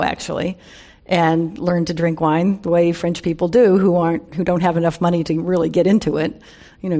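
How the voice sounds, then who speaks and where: Speaking on the low side with a dark tone, this guest speaker is a seventy-something wine industry veteran from the San Francisco Bay Area, USA. Before a live audience she keeps things informal and funny, storytelling in a chatty way, adding wry comments and leaning on important words.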